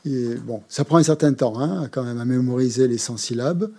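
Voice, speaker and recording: Male Buddhist teacher, mellow voice, halting course delivery. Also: medium pitch, husky. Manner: hesitant, frequent fillers and repeated words. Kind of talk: explaining a mantra in a course.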